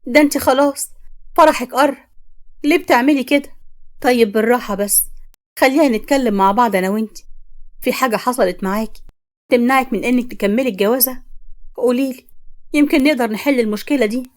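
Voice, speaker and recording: An anxious middle-aged mother with an Egyptian accent, pleading with her daughter, as a woman narrator puts her on. Her voice is fairly high and hurried. This is a spoken storybook. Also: natural voice. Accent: Egyptian Arabic. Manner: pleading, scolding.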